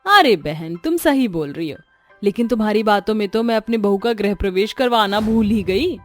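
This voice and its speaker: A woman voicing a sharp-tongued middle-aged mother-in-law who scolds and mocks in an animated storybook. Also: mid-range voice, soft background music, lightly acted. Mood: pleased. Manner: scolding, quick to anger.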